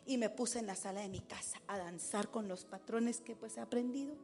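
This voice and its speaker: A woman preaching to her congregation in an animated way, breaking into war cries and sounding out drum beats. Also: a little high, normal speed, soft background music. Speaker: preacher teaching tambourine and worship dance. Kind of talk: lively sermon to a congregation.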